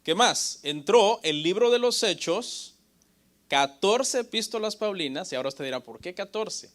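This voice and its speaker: A male pastor teaching a Bible lesson with a bright, forceful voice that sits a little high for a man. He keeps putting questions to his listeners and answers them himself, tagging his points with "ok?" and "brother". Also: lively intonation, unhurried. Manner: often adds "hermano" and "ok?".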